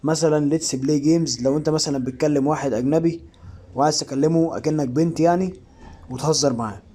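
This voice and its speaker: A man's voice: a little high, a little fast, dark tone. A man with an Egyptian Arabic accent giving a casual, informal step-by-step app tutorial. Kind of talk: casual spoken screen-recording tutorial.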